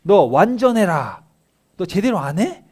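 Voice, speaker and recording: A man's voice: on the high side, lively intonation, moderate pace, lightly acted. A man preaching voices God as a stern, impatient father who scolds in blunt casual speech.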